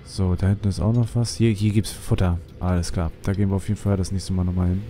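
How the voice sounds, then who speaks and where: A man's voice: sits low, level tone, quick pace, dark tone, soft background music. A young man commenting on a survival game, whispering when he sneaks and yelping when startled. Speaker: let's player. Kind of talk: gaming commentary.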